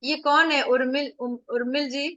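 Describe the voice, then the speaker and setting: A woman's voice: sits high, steady tone, normal speed, fairly bright tone, no room sound. A woman acupressure teacher giving an online revision lecture over a video call, explaining step by step with rhetorical questions and staying firm with her students.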